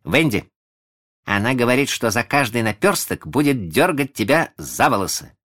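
A man reading a storybook aloud and voicing an eager, cunning young boy who never grows up, talking in an excited, coaxing way. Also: medium pitch, normal speed, pitched above the performer's own voice. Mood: puzzled.

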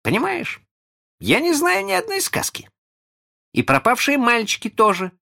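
A high, eager storybook boy, put on by a man reading aloud, full of mischief and cunning. He coaxes and wheedles in bright, excited bursts, his voice leaping all over the place. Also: normal speed, vocal fry, heavily acted. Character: eager cunning young boy who never grows up.

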